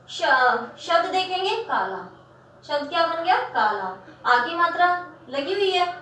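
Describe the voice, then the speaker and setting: A woman's voice: high-pitched, bright, forceful tone. A woman teaching Hindi grammar to students in a patient classroom manner, stretching out syllables and often checking that they follow. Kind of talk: classroom lesson explaining spelling. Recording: echoey room, voice from a distance.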